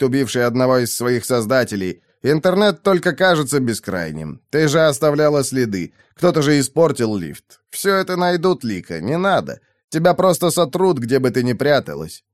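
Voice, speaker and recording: A thoughtful male scientist, as a narrator reads him, calm and measured as he reasons. His voice carries the narrator's lively pitch. The sound is dry and close. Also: no echo, close to an everyday voice. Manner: measured, persuasive.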